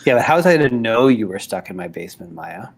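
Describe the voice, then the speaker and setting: A man running a tabletop game over a video call from home, talking fast with many restarts and fillers. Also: fairly low pitch, big pitch swings. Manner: quick, halting talk with many restarts and fillers. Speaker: game master. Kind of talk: casual chat and game narration on a live stream. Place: home in Halifax.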